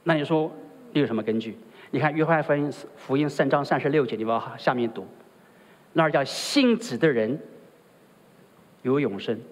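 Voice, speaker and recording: This male pastor speaks at medium pitch and a normal speed, leaving long pauses while a long reverb tail hangs in the air. His sermon is full of rhetorical questions for the listeners, and he frequently checks in with "right?".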